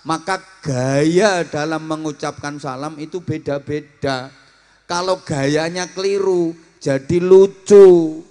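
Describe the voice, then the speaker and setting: A man's voice: on the high side, takes it slowly. A man giving a humorous sermon, acting out different greetings and teasing his listeners. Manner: lively, acts out greetings in many voices, teasing the audience. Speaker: preacher. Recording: long hall reverb.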